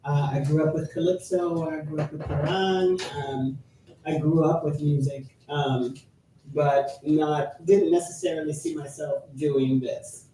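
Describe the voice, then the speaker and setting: Woman from trinidad in her 30s, thoughtful and halting, mellow voice, roomy studio, bit off mic. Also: steady tone, recorded from a distance. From Trinidad and Tobago. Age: late 30s. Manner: thoughtful, many restarts and ums. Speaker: musician guest. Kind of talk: casual interview chat. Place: radio studio. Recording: echoey studio, off-mic, faint rumble.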